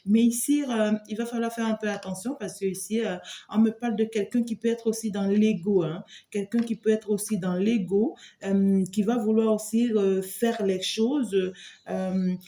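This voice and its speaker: A woman's voice: mid-range voice, fairly even intonation, moderate pace, dark tone, echoey room. A woman doing a spoken tarot reading for the viewer, rambling with lots of filler words and often checking that the listener follows. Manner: loose and rambling, full of filler words and repeated "here". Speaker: tarot reader and medium.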